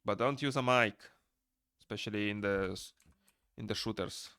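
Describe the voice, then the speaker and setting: Speaking at a moderate pace in a lowish, smooth voice with a sharp tone, a young Moldovan man chats loosely with his stream audience while drawing, reading their chat aloud and answering it. His first language is Romanian and he carries a Moldovan accent. He records in a small indoor room, and the clean studio sound has no room tone.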